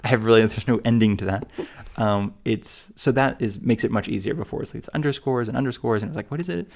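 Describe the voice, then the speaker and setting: Gravelly and darkish, this man's mid-range voice moves fast as he co-hosts a travel podcast. His casual talk wanders, mocks himself, and is packed with fillers and restarts.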